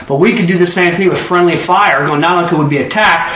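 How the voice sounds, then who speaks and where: A man teaching an informal bible lesson in an animated way, often slipping into voices. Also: sits high, fast talker. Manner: animated, jumps into acted-out voices. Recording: roomy echo from a distant mic.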